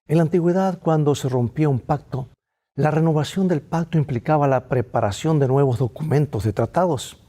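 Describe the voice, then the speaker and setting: A man's voice: fairly high pitch, dark tone. A man, a pastor, giving a formal Bible lesson review. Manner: measured, formal reading style.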